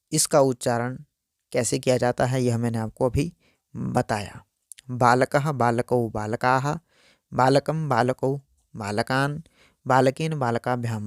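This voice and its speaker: A man teaching a Sanskrit grammar lesson, reciting word forms carefully and in a measured way. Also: medium pitch, creaky, no echo, studio quality. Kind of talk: slow spoken grammar lesson.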